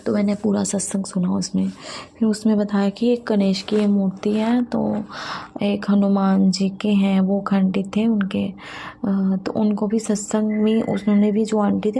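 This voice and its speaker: Gravelly, flat-voiced woman sharing faith testimony. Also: mid-range voice, slight background noise. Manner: halting, many fillers and restarts. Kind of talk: devotional testimony talk.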